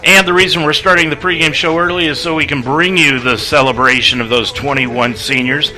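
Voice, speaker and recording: Man, play-by-play radio announcer, brisk stat reading, bright tone. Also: on the high side, steady tone, faint music behind, poor audio. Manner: brisk, reads stats and lists. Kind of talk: radio sports broadcast.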